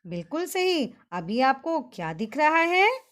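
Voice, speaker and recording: A woman teacher with a high, bright voice that leaps up and down as she coaxes young pupils. She breaks each Hindi word into syllables and repeats them slowly. Between words she cheers the class on in an animated, sing-song way. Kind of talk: children's Hindi vocabulary lesson.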